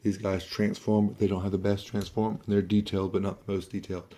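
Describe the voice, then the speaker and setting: A man who sounds under the weather, giving a casual, halting, offhand hands-on toy review and talking through each step. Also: lowish voice, flat delivery, warm tone. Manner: offhand, halting, mildly sweary.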